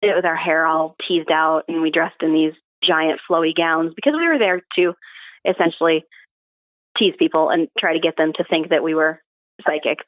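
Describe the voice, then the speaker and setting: A young woman with a low voice, a guest on a podcast, tells personal stories at a moderate pace in a casual, matter-of-fact way. She's on a remote call, so the audio is narrow and phone-like, with no room sound.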